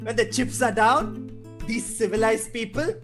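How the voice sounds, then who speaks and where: A woman's voice: a little high, expressive, measured pace. A woman playing a gleeful, taunting male criminal madman in a script read, drawling theatrically. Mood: taunting, sly. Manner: theatrical, drawling, breaking into cackles. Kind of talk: table read of a film script. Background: live guitar music.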